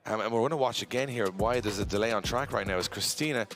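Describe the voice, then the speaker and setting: A man's voice: lowish voice, fast talker, a bit bright, soft background music. A man giving live drift commentary, chatty and bantering with his co-host.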